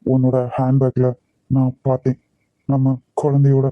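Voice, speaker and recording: A man's voice: mid-range voice, monotone, moderate pace, no room sound, dull audio, lightly acted. A man voicing an earnest, possessive young husband in a cartoon love story. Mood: insistent. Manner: earnest, insistent, emotional.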